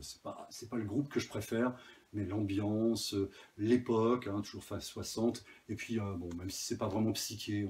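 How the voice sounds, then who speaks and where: A man's voice: fairly low pitch, a little mellow. A man casually talking about his new vinyl records, enthusiastic and hesitant, with many fillers. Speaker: vinyl collector vlogger. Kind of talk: casual chat.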